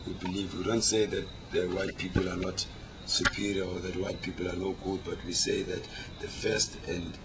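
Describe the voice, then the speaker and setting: A man's voice: low-pitched, flat delivery, moderate pace. A man with devout, emphatic Rasta speech, explaining his faith in an interview, repeating words for weight. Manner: devout Rasta speech with reverent religious phrases. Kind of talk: explanatory religious interview talk. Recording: clearly noisy location recording.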